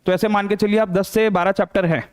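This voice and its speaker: A male teacher with a Chhattisgarh Hindi accent leads a live economics class at a brisk clip. His voice sits high, and he keeps firing rhetorical questions that he answers himself. He repeats each key term and checks whether it is clear. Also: steady tone. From India. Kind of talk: live online class lecture.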